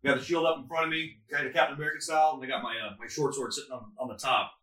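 A man playing a tabletop game, quick to jump in and help others with the rules. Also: medium pitch, steady tone, echoey room, background noise. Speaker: player. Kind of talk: casual tabletop game play.

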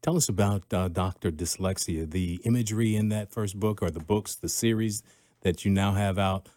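A man's voice: deep voice, moderate pace, a little mellow, dry recording. A man interviewing a guest, asking questions and giving short affirmations. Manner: brief affirming backchannels.

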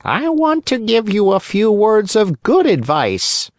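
A man's voice: high-pitched, huge pitch swings, slow pace, dry recording, studio quality, voice pushed up, exaggerated voice. A man voicing the faint ghost of a small, preachy male cricket who gives advice. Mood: pleading. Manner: faint, otherworldly, lecturing.

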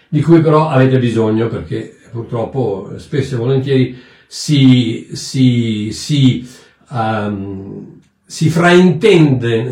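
A man's voice: mid-range voice, a little mellow, echoey room, distant mic. A man preaching in a sermon-style Bible lesson, emphatic, often repeating words and restarting as he explains.

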